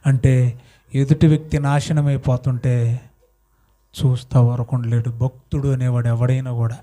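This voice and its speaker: A male pastor telling a story in a sermon, questioning his congregation and having them answer aloud, swinging between loud and soft. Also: mid-range voice, little pitch movement, normal speed.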